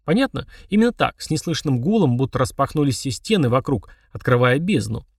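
A man's voice: medium pitch, very animated, brisk, darkish tone, breathy edge, dry recording. Man narrating a story, dry and distant. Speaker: audiobook narrator. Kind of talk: first-person scripted narration.

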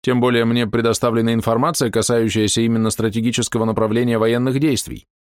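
A man's voice: mid-range voice, level tone, fast talker, no room sound, voice pushed up, close to an everyday voice. Man voicing an elderly marshal, audiobook, formal lecturing tone, dry close mic. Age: older.

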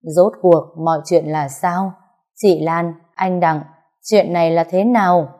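A woman's voice: steady tone, a little slow, mellow, lightly acted. Woman putting on a scolding old grandmother. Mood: distraught. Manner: scolding, pitch rising when annoyed. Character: elderly grandmother, sharp-tongued and grumbling.

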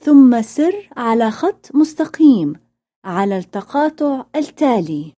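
Female phrasebook reader, high-pitched and mellow, deliberate lesson delivery. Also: sing-song. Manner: deliberate repetition-drill delivery. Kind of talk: scripted phrasebook narration.

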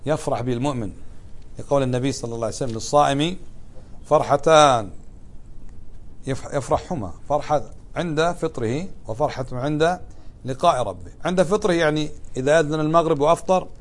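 A sheikh with a voice on the high side explains a text in a classroom religious lesson at a quick pace. He questions his students and supplies the answers in a conversational manner.

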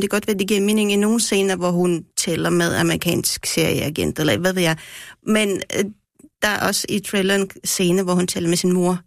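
A woman's voice: mid-range voice, dry recording. Woman explaining at length, dry studio sound. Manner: explanatory, with many restarts. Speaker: guest critic who speaks Russian. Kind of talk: casual radio discussion.

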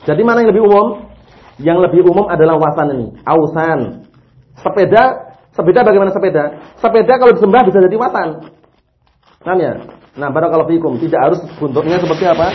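Male religious teacher, fairly high voice, quizzes his class, dull lo-fi recording. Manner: lively, asks rhetorical questions and answers them himself. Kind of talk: explaining a religious text to a class.

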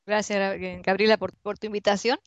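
Over a video call, picked up by her computer mic, an Argentine-accented university researcher talks through an online seminar in a conversational way, groping for words at times. She speaks fairly quickly in a medium-pitched, level tone, with no room sound and dull lo-fi call quality.

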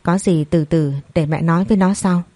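A woman's voice: lowish voice, fairly even intonation, normal speed, warm tone, dry recording. A woman voicing a worried soothing mother. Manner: soothing, tender.

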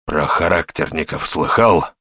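A male audiobook narrator voicing a battered, mocking male captive in a low, muttering delivery. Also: measured pace, sharp tone, breathy edge, no room sound, studio quality, exaggerated voice. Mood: sly. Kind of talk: audiobook character voice.

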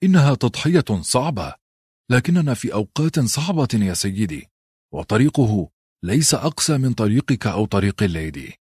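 A male narrator voicing a calm old male advisor who speaks in a measured, persuasive way. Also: medium pitch, breathy edge, dry recording, clean studio sound, pitched above the performer's own voice.

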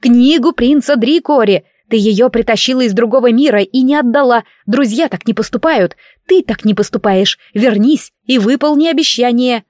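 A woman voicing a shrill, insistent young female matchmaker in a fantasy audiobook. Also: moderate pace, hardly any pauses, a little mellow, no room sound, studio quality, close to an everyday voice. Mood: shouting.

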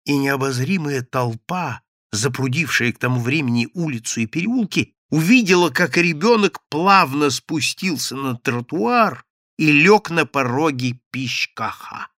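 A man reading a classic satirical story aloud as an audiobook narrator, in an animated, theatrical way. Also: a little high, measured pace, no room sound, studio quality.

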